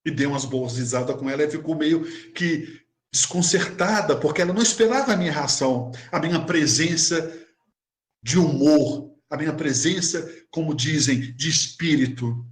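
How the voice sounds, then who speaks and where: A man's voice: a little high, normal speed. A man giving a humorous, storytelling spiritist talk to his brothers and sisters. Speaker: spiritist speaker. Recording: echoey room.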